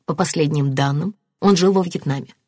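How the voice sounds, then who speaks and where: A woman reading an audiobook, voicing a calm, composed woman detective who speaks in a measured, official manner. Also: low-pitched, dry recording, clean studio sound.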